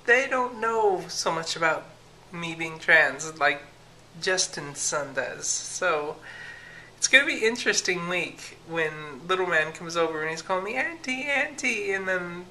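A young woman vlogs at home at night, chatting and giggling into a handheld camera held at arm's length as she moves from the kitchen to the living room. Her lowish voice is expressive, pushed and bright, with a measured pace and plenty of fillers. The low-quality recording carries a little hiss or hum.

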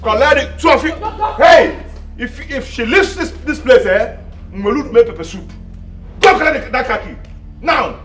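An actor playing an arrogant palace official who barks threats and orders. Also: male voice, very high-pitched, lively intonation, normal speed, recorded from a distance. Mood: mocking, shouting. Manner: barking orders, mocking. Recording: film audio with loud music bed.

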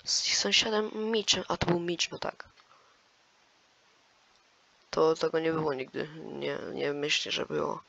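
Gravelly, bright-toned man reading quiz questions. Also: a little high, a little slow, pauses often, dry recording, highs cut off. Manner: reads questions aloud, then muses over answers. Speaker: gaming channel host. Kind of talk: casual quiz play commentary.

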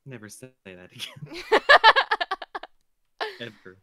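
A woman's voice: extremely low pitch, wildly swooping pitch, normal speed, sharp tone. A woman guest on a game night stream, chatting casually with dry jokes. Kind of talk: casual chat while gaming.

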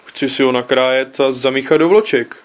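A male reader plays a bewildered teenage son in a comic story. He answers innocently and in puzzlement, then turns shrill with exasperation. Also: lightly acted. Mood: puzzled.

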